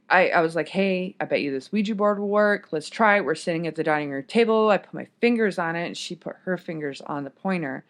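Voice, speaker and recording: A woman guest on a podcast, telling a personal story in a casual, rambling way that drifts off on tangents. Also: deep voice. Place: podcast studio.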